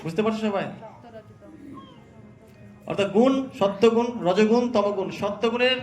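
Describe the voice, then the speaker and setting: A man's voice: sits high, moderate pace. A man teaching a religious class, quizzing the students and checking often that they follow. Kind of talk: interactive scripture class. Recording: echoey hall with crowd.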